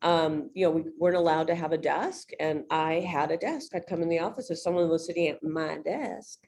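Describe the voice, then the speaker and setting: A woman with a slightly low voice gives sales coaching over a video call. She talks fast and bluntly, plain and direct with her listeners. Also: creaky, darkish tone. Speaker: real estate agent and sales coach.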